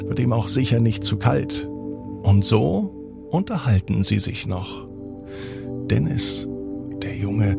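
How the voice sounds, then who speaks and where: Gravelly-voiced man telling a bedtime story. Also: lowish voice. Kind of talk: scripted bedtime story narration.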